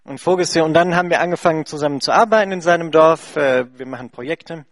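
A fast-talking German man with a slightly high voice heads a charity and speaks to a church congregation. He interprets for a guest, then tells a story, chatty and full of fillers. The recording is dry with clean studio sound.

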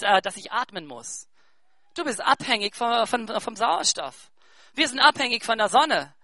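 A man in his thirties preaching a sermon, swinging between soft asides and loud, emphatic bursts. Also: extremely high pitch, no echo. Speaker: pastor.

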